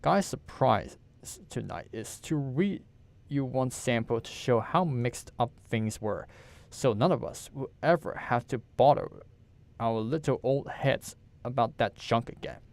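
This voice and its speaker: A man's voice: mid-range voice, unhurried, gravelly, darkish tone. A man reading the lines of a brittle, falsely cheerful young wife who coaxes and chirps. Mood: coaxing.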